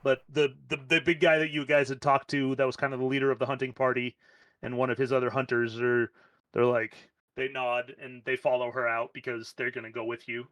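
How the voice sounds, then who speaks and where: A man's voice: mid-range voice, flat delivery, a little fast, a bit bright, dry recording. A man narrating as game master in a loose, casual way with lots of fillers.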